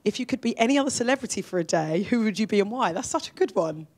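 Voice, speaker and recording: A woman's voice: medium pitch, animated, fast talker, a little mellow. Chatty woman presenter. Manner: chatty, reads out fan questions. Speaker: radio presenter. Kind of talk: casual radio interview.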